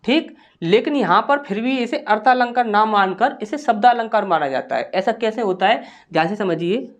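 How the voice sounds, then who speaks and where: A man's voice: high-pitched, animated, normal speed. A man teaching a Hindi grammar lesson, explaining step by step and asking the class rhetorical questions before answering them.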